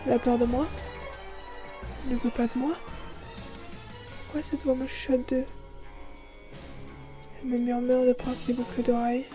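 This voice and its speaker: A woman narrating a first-person audio fiction in a soft, melancholic way. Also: a little high, little pitch movement, moderate pace, long pauses, music in the background.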